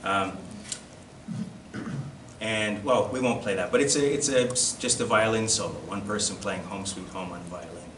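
A man presents an informal slide show to a collectors' society in an indoor classroom, his lowish voice halting and hesitant, sprinkled with self-deprecating asides. The camera recording him is across the room, giving a distant, echoey sound with loud background noise.

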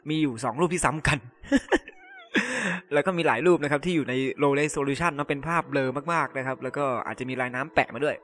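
A man's voice: mid-range voice, quick pace, few pauses, a bit bright. A man giving casual let's-play commentary. He reads in-game messages aloud and translates them on the fly, in loose, filler-heavy talk full of polite particles. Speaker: gamer translating game text.

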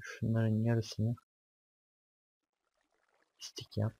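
A man's voice: lowish voice, monotone, drawn-out words, creaky, dark tone, dry recording. A young man doing casual let's-play commentary, talking to himself as he explores, swearing and jumpy at scares. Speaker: gaming YouTuber.

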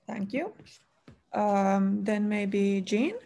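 Woman, panel moderator on a video call; unhurried, creaky, halting delivery. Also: mid-range voice, warm tone. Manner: halting, many fillers. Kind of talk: hosting an online roundtable.

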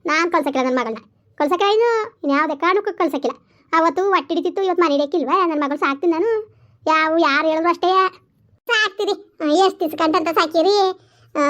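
Woman as a village woman in a feud: very high voice, rapid scolding, argumentative. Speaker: village family drama actor. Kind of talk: village family drama dialogue.

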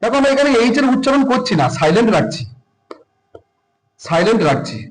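A man teaching a grammar lesson, reading English rules slowly and then explaining them with rising emphasis. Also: very high-pitched, big pitch swings. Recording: echoey room.

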